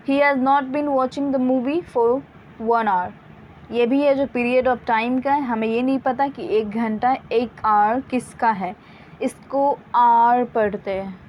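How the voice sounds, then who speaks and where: A woman English teacher with an Indian accent explains English grammar in a Hindi-language lesson, patiently reading example sentences aloud and correcting herself. Her voice sits on the high side with a darkish tone, and the audio is poor with slight background noise.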